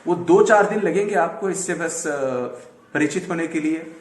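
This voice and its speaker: A man teaching English pronunciation in an online lesson, patiently repeating words slowly as drills and mixing in English terms. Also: fairly high pitch, reverberant. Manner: mixes Hindi-Urdu with English words.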